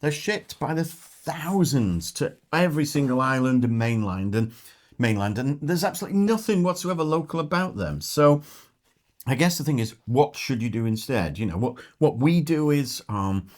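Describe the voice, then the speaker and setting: A middle-aged man chats casually as he co-hosts a travel vlog. He talks through food with his mouth full, in an easy, mid-pitched voice. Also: expressive, moderate pace. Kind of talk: casual food tasting chat.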